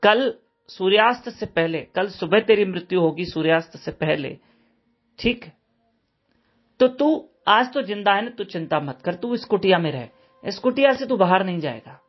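A man voicing a calm, kindly old male guru who gently reassures his disciple. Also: sits high, moderate pace, slightly rough, muffled recording. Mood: reassuring.

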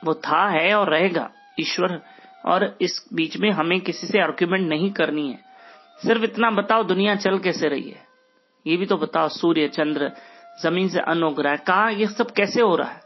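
Husky preacher guy telling a moral story, earnest, a bit weak, dull lo-fi audio with soft music. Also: high-pitched, normal speed. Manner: earnest, preachy, rhetorical questions. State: weak after illness. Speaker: religious storyteller. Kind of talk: devotional story sermon.

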